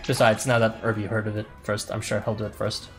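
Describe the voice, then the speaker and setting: A streamer with a lowish, fairly monotone voice talks at a quick pace while playing a game. His live commentary is casual, chatty and offhand, with some mild swearing, and music plays in the background.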